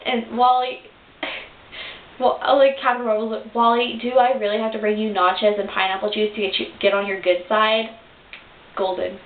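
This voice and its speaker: A woman's voice: medium pitch, level tone, normal speed. A young woman gushing about a cartoon episode in a casual fan review, with lots of fillers and restarts. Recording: tinny lo-fi webcam audio in an echoey room with hiss.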